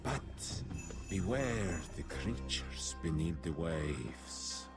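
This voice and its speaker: A man's voice: sits low, very animated, drawn-out words, heavily acted. A man acting a grave, solemn guide of the underworld in a video game, speaking in warning. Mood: grave, ominous. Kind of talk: scripted video game dialogue. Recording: loud game music over the voice.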